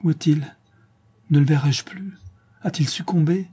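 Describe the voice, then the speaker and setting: A man's voice: on the high side, a little slow, mellow, breathy edge, pitched above the performer's own voice. A man voicing a young, passionate countess in despair, pleading and crying out in anguish. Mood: distraught.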